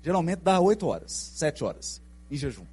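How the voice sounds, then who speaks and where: Brazilian guy giving a spiritist talk, highish voice jumping all over, bit husky, hum behind. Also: moderate pace. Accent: Brazilian Portuguese. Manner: storytelling, animated, asks the audience questions. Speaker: spiritist lecturer. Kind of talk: spiritist lecture. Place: lecture hall.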